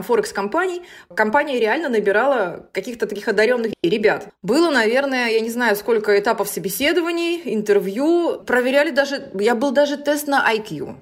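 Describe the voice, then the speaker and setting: A woman in her thirties from Saint Petersburg, a trader telling her story as a podcast guest, lively and laughing often. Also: fairly high pitch. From Saint Petersburg, Russia. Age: 30s.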